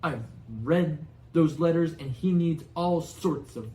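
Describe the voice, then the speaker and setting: A man's voice: on the high side, slow pace, reverberant, pitched above the performer's own voice. A man voicing an irate, stubborn middle-aged uncle who blusters indignantly in an audiobook. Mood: outraged. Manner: hissing, yelling, indignant.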